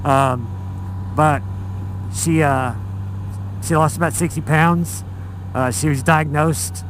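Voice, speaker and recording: A man, talking haltingly from inside a motorcycle helmet as he gives viewers a personal life update. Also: fairly high pitch, fairly even intonation. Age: 40s. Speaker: motovlogger. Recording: muffled inside helmet, engine and road noise.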